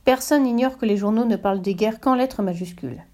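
A woman reading a children's novel aloud in a steady, expressive storybook style. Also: fairly high pitch, brisk. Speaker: narrator.

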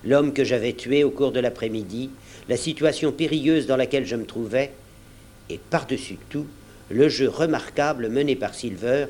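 Man, audiobook narrator, measured, mid-range pitch. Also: a little mellow, slight background noise. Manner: measured storytelling. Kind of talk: scripted narration.

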